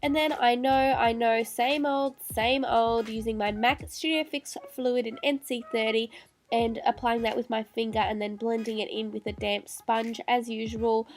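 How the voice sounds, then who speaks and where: A woman talks through a makeup tutorial, her voice nasal and stuffed up from a cold. Her voice sits a little high, and she keeps up a chatty flow with apologetic asides. Soft music plays faintly underneath. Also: steady tone, normal speed. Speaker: beauty vlogger.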